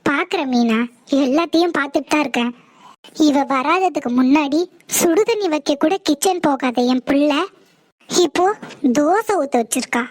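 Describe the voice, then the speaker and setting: Woman voicing a bitter scolding mother-in-law in a cartoon, high voice, dry close sound. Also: normal speed, dry recording, natural voice. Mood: resentful. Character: stern scheming older mother-in-law. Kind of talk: cartoon voice acting.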